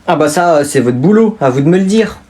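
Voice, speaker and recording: A man's voice: a little high, animated, fast, a little mellow, natural voice. A man playing a smug, spoiled rich young man who talks down to everyone in a whiny, dismissive way. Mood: scornful. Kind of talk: comedy sketch acting.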